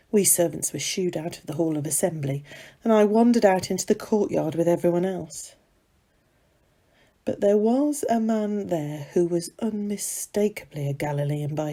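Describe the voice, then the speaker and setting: Reading a dramatic monologue, a woman plays a gossipy serving maid of ancient times, confiding and conversational, with dramatic pauses. Her voice is lowish and mellow.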